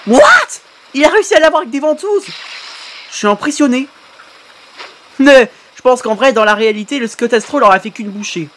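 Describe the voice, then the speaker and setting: A man giving casual, excitable reaction commentary on videos, exclaiming often. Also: extremely high pitch, a little fast, a little hiss or hum. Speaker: YouTube reactor.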